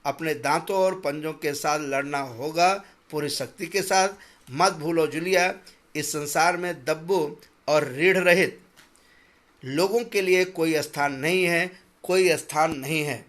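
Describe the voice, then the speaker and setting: A man reading a school story gives voice to a stern, calculating master of the house, lecturing in a pedantic mood as he counts every coin aloud with heavy, deliberate emphasis. The voice is a little high for a man and breaks into sharp shouting and stammering when his anger boils over. The portrayal is plain, close to the reader's own voice.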